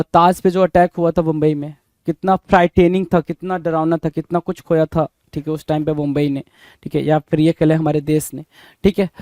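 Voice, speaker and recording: A high-pitched man with an Indian accent leads an exam-focused English vocabulary lesson, mixing Hindi and English and regularly throwing questions to the class. His tone is darkish and clean, with no room sound at all.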